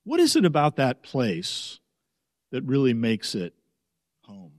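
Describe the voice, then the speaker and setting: A pastor preaching a sermon, from the United States, with a slow, measured, reflective delivery. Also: male voice, medium pitch, wildly swooping pitch, no echo, clean studio sound, long reverb tail.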